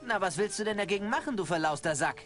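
A man's voice: high-pitched, expressive, fast, fairly bright tone, faint music behind. An actor playing a cheeky, bratty little boy pirate in a cartoon adventure game.

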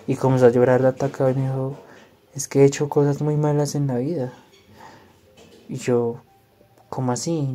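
Flat, very dark-voiced doctor. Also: male voice, medium pitch. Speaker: doctor, guest. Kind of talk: recounting personal hospital stories.

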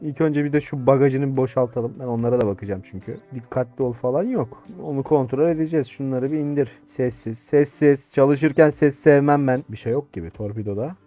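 A man's voice: mid-range voice, brisk, hardly any pauses, faint music behind. Man grumbling through gameplay commentary. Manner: talks to game characters, grows irritated and shouts insults. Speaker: gaming YouTuber.

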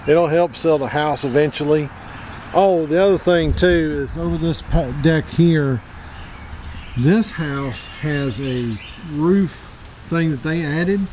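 Slow and darkish in tone, with a slightly high pitch, an outdoors channel host in his forties from Middle Tennessee rambles plainly through his backyard, self-correcting as he goes. He records this casual walkthrough vlog outdoors on a handheld camera; the low-quality recording has slight background noise.

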